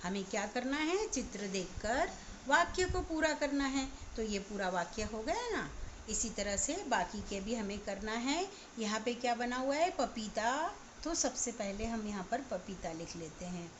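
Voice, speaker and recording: Woman teacher slowly spelling for kids. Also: on the high side, lively intonation, a little hiss or hum. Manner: slow, sound-by-sound spelling aloud. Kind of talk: online class for young children. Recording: slightly dull, lo-fi recording.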